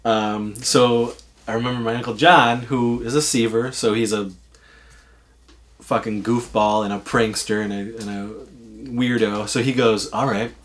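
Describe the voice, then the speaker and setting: A man's voice: medium pitch, fairly even intonation, a little slow. Rambling, swearing podcast storyteller man. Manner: rambling, swears freely, enthusiastic. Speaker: podcast regular. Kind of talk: casual storytelling chat.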